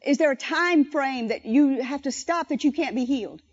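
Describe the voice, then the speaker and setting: Woman preacher, high voice, sermon with call-and-response, slows down to stress verses, dull lo-fi recording. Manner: animated, slows down to stress scripture and leads the crowd in repeating lines.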